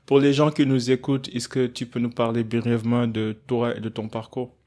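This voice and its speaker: Flat-toned male podcast host. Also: medium pitch, normal speed. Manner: relaxed, conversational questioning. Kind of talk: casual interview talk.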